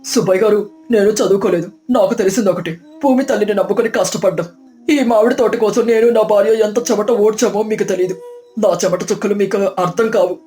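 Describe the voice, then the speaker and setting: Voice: medium pitch, fairly quick, dark tone, lightly acted. A voice actor playing a poor honest farmer who speaks earnestly and reproachfully.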